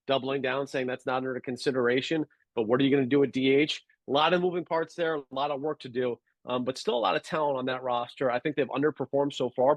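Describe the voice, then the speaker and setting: A man talking sports as a podcast guest, measured and analytical, with frequent fillers and restarts. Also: medium pitch, no room sound, rough recording. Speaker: guest sports radio producer. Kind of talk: casual sports podcast chat.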